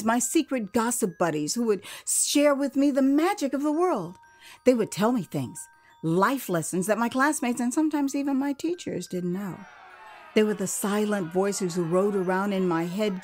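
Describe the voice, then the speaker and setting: An American woman with a mid-range voice narrates her memoir in the first person, staged as theatrical audio drama. Expressive throughout, she draws out words to underline them and weaves in conversational asides.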